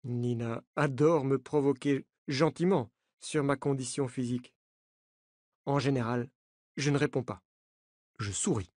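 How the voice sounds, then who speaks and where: A narrator reading a novel aloud in a slow, clear, learner-paced way. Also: mid-range voice, a little mellow, no echo, clean studio sound. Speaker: audiobook narrator. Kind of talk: scripted narration of a graded-reader novel.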